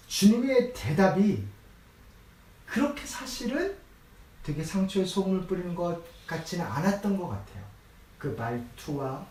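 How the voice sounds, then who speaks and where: A male pastor delivering a conversational sermon, his voice lively and rising and falling, fairly high for a man. He sounds warm and dark in tone. He is recorded from a distance in an echoey church room with a faint hiss behind him. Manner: conversational, acts out scripture quotes. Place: church sanctuary.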